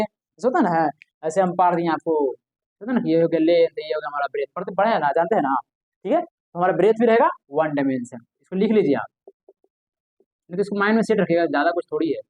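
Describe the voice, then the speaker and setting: A man's voice: high-pitched, darkish tone, no room sound. A man teaching an exam-prep math lesson, often asking the class a question and answering it himself.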